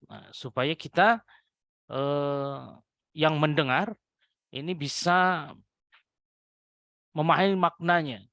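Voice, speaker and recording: A man teaching Quran recitation rules to adult students, patiently repeating example words slowly with a lifted voice and addressing his listeners politely. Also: on the high side, a bit bright, no echo, studio quality. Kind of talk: tajwid lesson to adult students.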